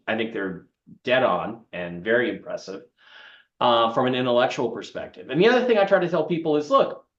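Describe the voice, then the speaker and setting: A man hosting an interview, talking in an emphatic, opinionated way. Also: medium pitch. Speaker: host. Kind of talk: casual interview chat. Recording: echoey, dull lo-fi remote audio.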